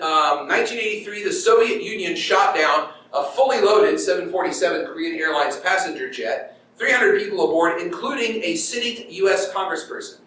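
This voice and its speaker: Slightly high and fairly bright, this middle-aged man's voice carries an informal lecture to a university audience, chatting as he performs paraphrased quotes and checks that people are following. The recording comes from a distant mic in a very reverberant lecture room, with noise underneath.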